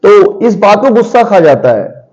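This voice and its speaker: A man's voice: high voice, sing-song, unhurried, darkish tone, muffled recording. A man teaching a class, retelling a poem's story with rhetorical questions and repetition. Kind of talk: storytelling lesson retelling a poem.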